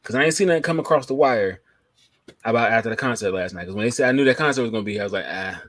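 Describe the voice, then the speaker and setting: A man's voice: fairly low pitch, lively intonation, racing, no room sound. A man co-hosting a podcast, telling stories. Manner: laid-back storytelling, trailing off quietly. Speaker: podcast co-host. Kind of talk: casual chat.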